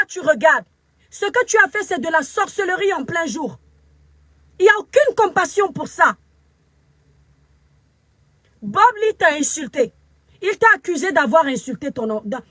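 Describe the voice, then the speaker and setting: A woman's voice: sits high, a bit bright, dry recording. A Cameroonian woman with a Cameroonian French accent, ranting angrily into her phone camera as a social media commentator, scolding and preachy with emphatic repetition. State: very upset. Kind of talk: angry live video rant.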